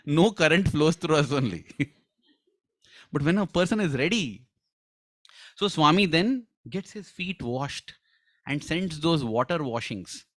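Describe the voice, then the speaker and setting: Male speaker, devotional storytelling, slightly high voice, dry close sound. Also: expressive, a little slow, long pauses, no room sound. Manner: acts out quoted lines, chuckles, asks listeners "huh?". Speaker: spiritual speaker.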